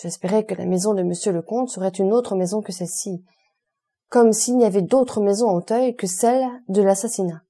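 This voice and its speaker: A woman's voice: mid-range voice, brisk, mellow, natural voice. A woman reading the part of a terrified, superstitious male steward in an audiobook, pleading in agitated, raised exclamations. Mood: frightened pleading.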